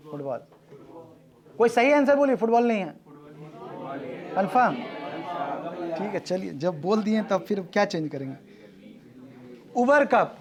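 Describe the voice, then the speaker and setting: Man, high voice, brisk classroom quiz teacher, echoes each answer back. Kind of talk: classroom quiz, calling on students. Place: classroom with students.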